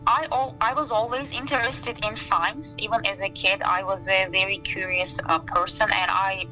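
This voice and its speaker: A woman in her thirties from Turkey, speaking English with a Turkish accent, talking thoughtfully about her research and often pausing to find her words. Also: mid-range voice, steady tone, sharp tone, faint music behind, poor audio. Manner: thoughtful, searching for words with frequent fillers. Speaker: researcher, interview guest. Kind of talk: casual interview talk. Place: outdoors by a campfire.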